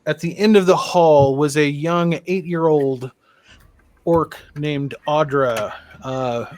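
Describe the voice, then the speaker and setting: A man running a tabletop game as game master, narrating with many fillers and pauses. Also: fairly high pitch, a little mellow, slight background noise.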